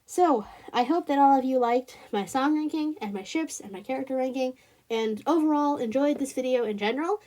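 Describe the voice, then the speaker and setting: Hosting her own review channel, a Southern US woman with a slightly high, mellow voice speaks a little fast. Her talk wanders loosely, packed with "like," "uh," and restarted thoughts, and she chats straight to the people watching.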